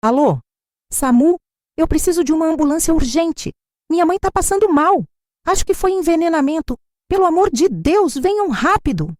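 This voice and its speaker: A woman's voice: very high-pitched, sing-song, moderate pace, darkish tone, no echo, studio quality, voice pushed up. A woman voicing a panicked adult daughter with a Brazilian accent, frantic and pleading as she cries for help. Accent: Brazilian Portuguese.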